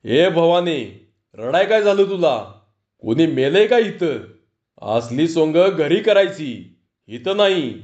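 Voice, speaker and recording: A man voicing a gruff, bullying middle-aged police officer who scolds in rough rustic speech, in a storytelling reading. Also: a little high, very animated, slow, a little mellow. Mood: harsh scolding. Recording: dull lo-fi recording.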